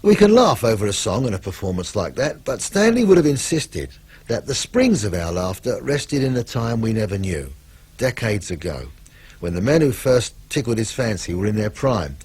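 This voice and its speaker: A male radio presenter reading a scripted tribute with lively, rising and falling intonation. His voice is very husky and breathy. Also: lowish voice, normal speed.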